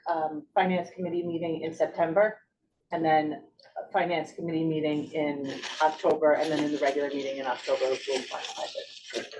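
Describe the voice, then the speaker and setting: Woman running the agenda at a board meeting, low-ish voice, hesitant with ums, heard from across the room with faint hiss. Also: little pitch movement, fairly quick, darkish tone. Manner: casual, hesitant, many ums and restarts. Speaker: agency staff leading agenda items. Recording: distant mic with faint hiss.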